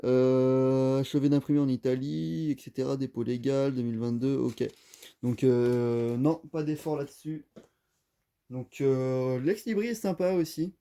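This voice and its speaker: A man talks through an unboxing in a casual, rambling way, full of fillers and little asides. His voice is very mellow and dark, at an ordinary pitch for a man. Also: fairly even intonation, unhurried, smooth. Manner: rambling, filler-heavy, chatty. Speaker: unboxing vlogger. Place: at home.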